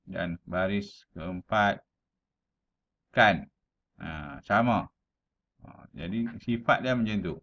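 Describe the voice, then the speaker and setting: Malaysian male schoolteacher, unhurried, stretches each verse line, dull recording with faint background music. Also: low voice, fairly bright tone. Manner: slow, drawn-out recitation of verses; repeats "ha" as a filler. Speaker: primary school teacher. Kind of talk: classroom lesson recording.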